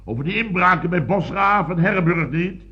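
A man's voice: high voice, animated, brisk. An actor playing a pompous, fussy rich businessman in a radio comedy sketch, blustering and theatrical. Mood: indignant. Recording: dull lo-fi old radio recording.

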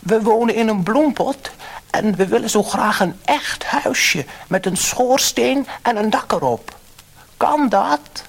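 A man reading a storybook, voicing a tiny little man who calls to the sea in a high, eager, slightly breathless voice. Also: animated, slow pace, vocal fry, exaggerated voice. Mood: eager calling.

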